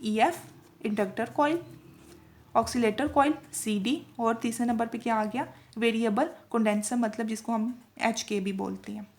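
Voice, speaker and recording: In a casual physiotherapy video lesson, a woman lectures step by step, repeating herself often, adding check-in tags and mixing English technical terms into her Urdu-Hindi. Her pitch is fairly high and fairly even, her pace moderate and her tone darkish.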